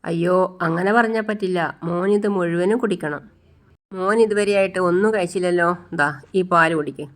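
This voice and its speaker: A woman voicing a kind young woman gently coaxing a small child. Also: fairly low pitch, normal speed, lightly acted.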